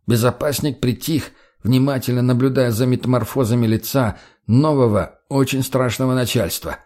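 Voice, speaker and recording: A man narrating an audiobook in a steady, plain storytelling manner. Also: medium pitch, moderate pace.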